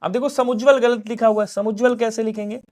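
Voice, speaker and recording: A man from Lucknow, India, teaching a live online exam-prep class. He asks questions and answers them himself, and keeps urging viewers to comment quickly. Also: very high-pitched, steady tone, a little mellow. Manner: drills answers by asking and answering his own questions. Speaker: Hindi teacher.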